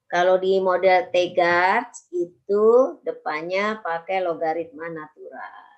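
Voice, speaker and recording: A woman's voice: on the low side, steady tone, takes it slowly, lo-fi sound. A woman lecturer teaching a university statistics class, often stopping to ask students questions and telling them to write things down. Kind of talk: university lecture on time series.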